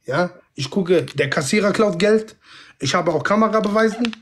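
Man, high voice, halting slangy storytelling, noisy phone livestream. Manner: halting, repetitive non-native phrasing with street slang. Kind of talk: casual livestream chat, storytelling. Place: indoors in a room at home. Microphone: phone at arm's length.

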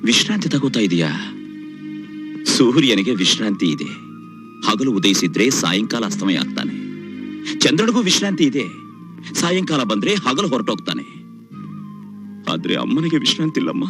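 A man's voice: mid-range voice, very animated, normal speed, long pauses, music in the background. An actor playing a grieving young son who reproaches his mother and then pleads with her, over a film score. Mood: reproachful. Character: grieving young adult son, bitter yet tender. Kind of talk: film drama acting. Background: film score over the dialogue.

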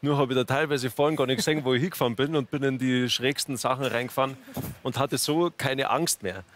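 A man's voice: mid-range voice, steady tone, quick pace, a bit bright, slight background noise. A man, chatting casually and jokingly as a ski expert guest in a TV studio, speaking into a headset mic. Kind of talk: casual talk-show chat. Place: TV studio with audience.

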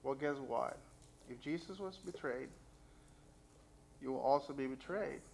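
Gravelly and darkish in tone, a young man's mid-range voice proceeds a little slowly as he delivers heartfelt personal testimony and reads scripture from the pulpit. Slight background noise accompanies the recording from a stand mic and a distant camera on the church sanctuary stage.

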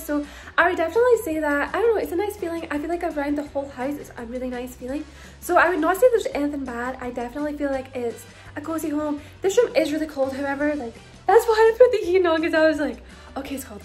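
This casual house-tour vlog is set indoors in a bedroom, where a young woman talks into a phone held out at arm's length over faint background music. Her voice is high and bright, and she's giggly, bubbly and chatty, sprinkling in plenty of "like" and "you guys."

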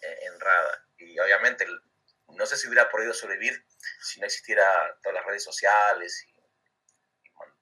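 In a casual interview chat, a middle-aged man from Comodoro Rivadavia speaks Argentine Spanish at a moderate pace in a low, sharp voice with a breathy edge. He laughs easily and stumbles and repeats himself as he thinks out loud. A distant mic and low-quality recording capture him.

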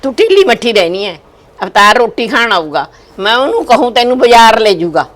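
An older woman plays a worried old grandmother with a Punjabi village accent. Her voice sits a little high, and she talks anxiously about her granddaughter. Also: very animated, fairly quick, a bit bright. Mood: fretful. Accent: Indian Punjabi. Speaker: grandmother in a family drama. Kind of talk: village web drama acting.

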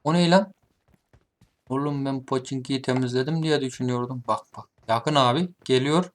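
A man giving gameplay commentary, taunting his opponents, muttering at some moments and shouting at others. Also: medium pitch, normal speed. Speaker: gaming streamer. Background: game gunfire.

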